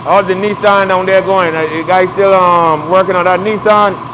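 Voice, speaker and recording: A Barbadian man with a Barbadian accent chats casually on a live stream while doing body work in an auto shop. His voice sits high with fairly even intonation at a normal speed, the background is noisy, and he's laid-back, repeatedly saying "man" and "you know what I mean".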